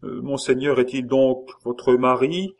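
A man's voice: medium pitch, steady tone, unhurried, pitched above the performer's own voice. A man voicing a frail old baron in his sixties or older, heartbroken, whose weak voice trembles. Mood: gentle. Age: over 60. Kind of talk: audiobook character voice.

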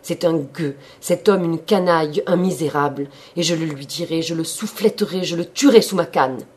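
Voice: mid-range voice, fast, warm tone, breathy edge, lightly acted. A reader voicing an older baron who rants with indignation, in an audiobook of a classic novel. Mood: outraged. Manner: indignant ranting. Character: older baron, outraged and fuming.

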